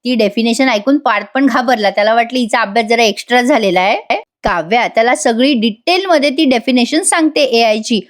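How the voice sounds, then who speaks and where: A woman's voice: a little high, brisk, hardly any pauses. A woman narrating a voice-over recap of a TV serial, retelling scenes. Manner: animated retelling, acts out character lines.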